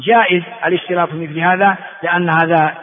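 A man from Ethiopia, a religious scholar teaching a class, who repeats words for his students and asks them quick rhetorical questions. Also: high-pitched, steady tone. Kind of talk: classroom lecture explaining a text. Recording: phone-like sound with long hall reverb.

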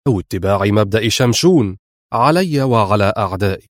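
A man's voice: fairly low pitch, brisk, dry recording, studio quality, lightly acted. A man reading a wry, confident secret agent. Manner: calm, wry.

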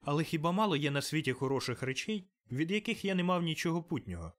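A man voicing a cheerful, warm-hearted young nephew who speaks up high and eagerly. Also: big pitch swings, fast talker. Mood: eager, pleading. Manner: bright, eager, raised voice.

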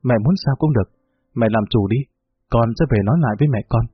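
A man voicing a flustered father pleading with his mother-in-law, husky voice, tinny recording with faint music. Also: mid-range voice, fast, dry recording, close to an everyday voice. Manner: pleading, placating.

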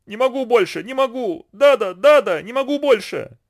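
A man voicing a frightened, exhausted little girl who wails in a high, strained, tearful voice. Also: expressive, fairly quick, heavily acted. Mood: desperate.

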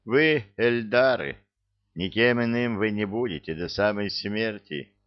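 A man's voice: lowish voice, measured pace, muffled recording, lightly acted. A man voicing a grumpy, sarcastic male cook who talks bluntly and scolds. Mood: grumbling. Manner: grumbling, blunt.

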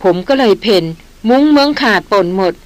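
A woman voicing a rattled young nobleman in an audiobook, talking in a hurried way. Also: mid-range voice, animated, darkish tone, dry recording, lightly acted.

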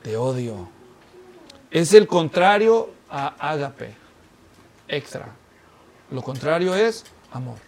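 High-voiced preacher. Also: male voice, takes it slowly, creaky, pauses often. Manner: animated, keeps asking the congregation "right?". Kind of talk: sermon.

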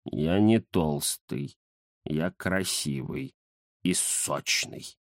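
Guy doing a big lazy ginger cat, low slow grumbly drawl, dry close sound. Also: dry recording, full character voice. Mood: pompous. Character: fat lazy pompous ginger tomcat. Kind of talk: audiobook character voice.

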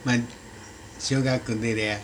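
A man's voice: medium pitch, little pitch movement, unhurried. An elderly man from Okayama with an Okayama Japanese accent, reminiscing casually in plain, folksy rural talk. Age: elderly, 80s or older. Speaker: interviewee, oral history narrator. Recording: clearly noisy amateur interview recording.

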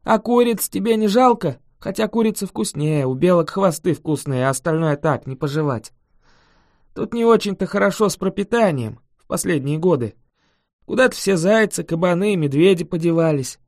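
A reader voicing a chatty, boastful male dragon who huffs and protests loudly in an audiobook. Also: medium pitch, animated, moderate pace, dry recording, studio quality, lightly acted. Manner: indignant, emphatic, loud. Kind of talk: audiobook character voice.

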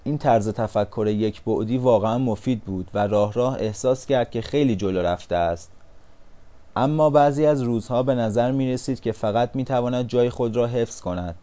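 Mellow-voiced male audiobook narrator. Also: mid-range voice. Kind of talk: scripted storybook narration.

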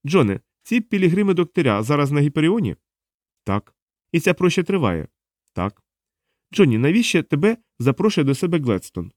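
A man's voice: on the high side, sing-song, moderate pace, darkish tone, no echo, studio quality, voice pushed up. A man voicing a cold, harsh woman interrogating a prisoner in an audiobook, snapping out commands. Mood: cold questioning. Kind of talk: audiobook character voice.

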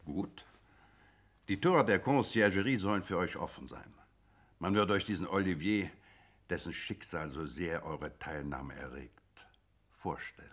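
Radio drama part: authoritative male magistrate, low voice, measured and courtly. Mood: measured formality. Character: formal, authoritative high magistrate. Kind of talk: German literary radio drama.

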